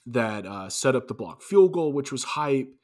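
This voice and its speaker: A man's voice: mid-range voice, lively intonation, moderate pace, darkish tone. A man co-hosting a casual sports podcast, talking loosely with restarts and wry asides. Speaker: podcast co-host.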